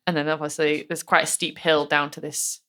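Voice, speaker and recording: Woman on a true crime podcast, kinda low but bright punchy voice, lots of "like"s. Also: level tone, brisk. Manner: chatty, many fillers, acts out quotes. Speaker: podcast co-host telling the case.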